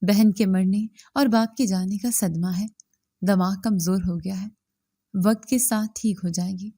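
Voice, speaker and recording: A woman's voice: mid-range voice, steady tone, warm tone, close to an everyday voice. A woman reading the lines of a domineering, scheming older mother-in-law in a storybook tale, spoken in a harsh, commanding manner. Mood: calm.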